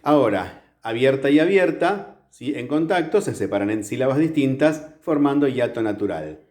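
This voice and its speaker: A man's voice: mid-range voice, lively intonation, normal speed, darkish tone. A male teacher explaining a grammar lesson at a whiteboard step by step, often checking in with the class.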